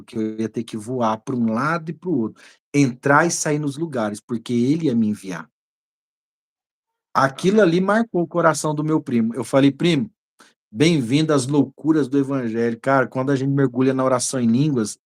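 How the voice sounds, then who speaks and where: A man with a Brazilian Portuguese accent, a pastor preaching a teaching sermon and telling a personal story in a lively way. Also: medium pitch. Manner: lively storytelling, bursts into praying in tongues.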